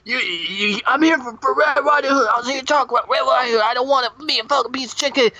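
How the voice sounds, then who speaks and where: A man's voice: extremely high pitch, fast, no room sound, dull audio, pitched above the performer's own voice, heavily acted. A man voicing a frantic male wolf who stammers and curses in panic. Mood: panicked. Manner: yelling, stammering, profane.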